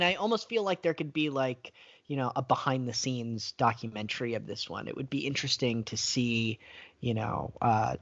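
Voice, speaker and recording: A man in a mid-pitched voice, musing on a casual movie podcast. He rambles a little and fills his pauses with ums. The sound is muffled and lo-fi. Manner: thoughtful, rambling with fillers. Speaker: podcast co-host. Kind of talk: casual film review chat. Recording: dull lo-fi podcast audio.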